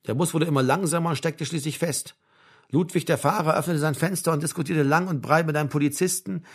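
A man reads a novel aloud in a calm, measured narration. His voice sits a little higher than most men's. The delivery stays steady throughout. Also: slightly rough. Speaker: audiobook narrator. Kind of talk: scripted narration.

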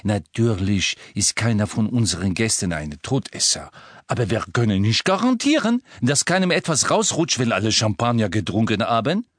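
A man's voice: lowish voice, very animated, moderate pace, dry recording, studio quality. A man voicing a poised, practical young witch bride in an audiobook.

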